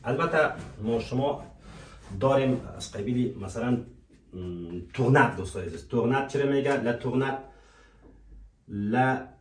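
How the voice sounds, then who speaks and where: A man teaching French vocabulary, repeating each word slowly and asking and answering his own questions. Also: medium pitch, a little hiss or hum. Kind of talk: language lesson. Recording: echoey room, voice from a distance.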